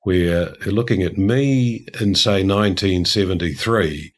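A man's voice: low voice, a little slow. An older man from New Zealand explaining ideas in a discursive, chatty way, full of asides. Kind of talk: casual conversation.

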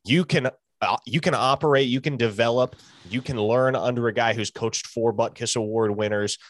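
A man hosting a college football talk show, building an emphatic case as if pitching to a recruit. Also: fairly even intonation, moderate pace, no room sound. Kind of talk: sports talk analysis.

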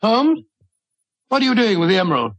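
A loyal, chummy English doctor in an old radio drama. His voice is high and blustery, with a British accent and a little hesitation, on a dull vintage recording. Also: wildly swooping pitch, fairly quick, no room sound, exaggerated voice. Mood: startled, indignant. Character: genial, loyal, slightly bumbling English doctor. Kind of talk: 1940s radio acting.

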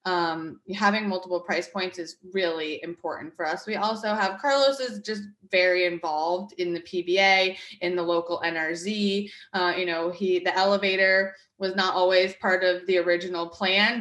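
A woman's voice: medium pitch, a bit bright, echoey room. A woman in her thirties from Connecticut, a guest talking about her market project in a chatty interview, with lots of fillers and restarts. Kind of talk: conversational interview.

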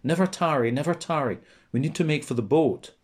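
A man's voice: a little high, expressive, fairly quick, slightly rough, pitched above the performer's own voice. A wary soldier companion, guarded and urgent in his warnings, as a narrator puts him on. He presses his points with caution and haste. The feel is of a storybook read aloud.

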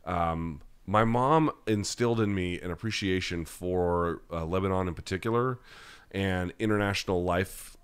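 Answering listener questions on his live-chat podcast, the American host is conversational, blunt, and opinionated. His low voice is clear and resonant, and he speaks at a moderate pace.

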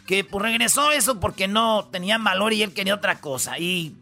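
A man's voice: sits high, animated, fairly quick, bright, forceful tone, faint music behind. A man hosting a comedic radio countdown, joking and bantering loosely in slangy talk. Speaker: radio show host.

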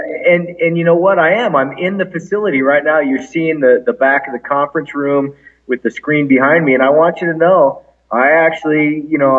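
A man talks in a casual, conversational way from a big, echoey conference hall. He sits away from the microphone, and the narrow, phone-like line leaves his words a little husky and unclear. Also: mid-range voice. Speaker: clinic founder being interviewed. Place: large echoey conference room, indoors. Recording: echoey big conference room, band-limited, distant.

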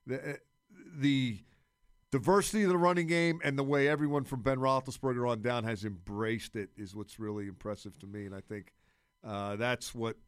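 A man giving casual sports analysis as a radio commentator, haltingly repeating words as he works out his points. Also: medium pitch, clear, resonant tone, no echo, clean studio sound.

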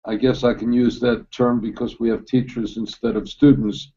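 A man speaking as a historian guest in a panel discussion, measured and with a dry humor. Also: medium pitch, flat delivery, warm tone, slightly rough, muffled recording.

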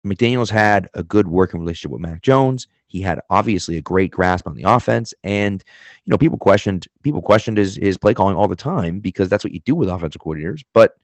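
A man's voice: on the low side, darkish tone, no echo. A man with a mild Boston accent giving casual sports analysis as a podcast guest.

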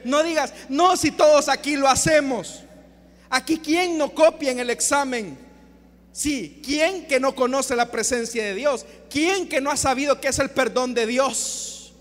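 High-voiced impassioned male preacher. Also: measured pace, big-room sound. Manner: impassioned, swings between shouted emphasis and hushed appeals. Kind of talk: sermon. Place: church service.

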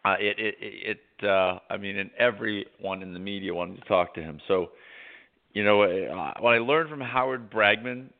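An American man co-hosting a casual talk show, halting at times and repeating words for emphasis. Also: fairly low pitch, creaky. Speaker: co-host, journalist. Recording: tinny phone-like line.

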